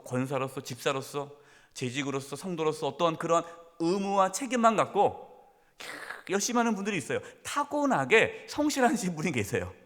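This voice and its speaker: A middle-aged male pastor with a fairly high voice delivers a sermon, rising to forceful rhetorical questions and dropping to hushed near-whispers. His voice rings with the long reverb of a church sanctuary. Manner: swings between loud emphatic questions and hushed near-whispers.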